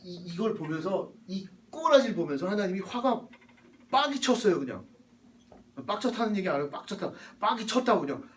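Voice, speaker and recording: A man's voice: high-pitched, sing-song, brisk. Guy giving a chatty sermon, slangy, mic kinda far off with faint noise in the back. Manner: casual and conversational, slang and English words mixed in. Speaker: pastor.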